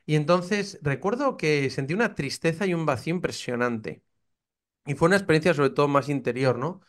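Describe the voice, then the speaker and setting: Speaking a little fast in a highish, animated voice, a Castilian-accented priest from Spain in his thirties tells his faith story as a podcast guest. He recounts it with fervent sincerity, dramatizing the doubts he once had.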